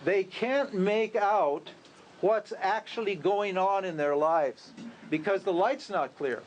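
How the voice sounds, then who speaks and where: A man with a fairly high voice teaches a group in a loose, conversational way. He asks rhetorical questions and now and then laughs at his own lines. A faint hiss of noise sits under his voice. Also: takes it slowly. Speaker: spiritual teacher. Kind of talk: informal spiritual talk to a group.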